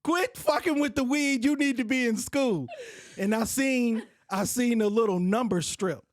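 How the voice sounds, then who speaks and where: With a fairly high pitch and a measured pace, a woman hosting a podcast recounts a wild story in casual chat. She curses freely, tells it with animation, and laughs midway; the studio sound is clean with no echo.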